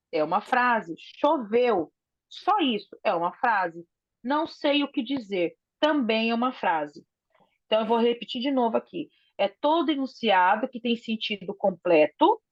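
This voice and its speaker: A woman teacher talks a class through a lesson on a video call. Her voice sits fairly high and comes through a phone mic, so it sounds dull and lo-fi with no room echo. She explains step by step and keeps checking in with "né?". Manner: explanatory, often adds "né?". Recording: dull lo-fi phone audio, dry.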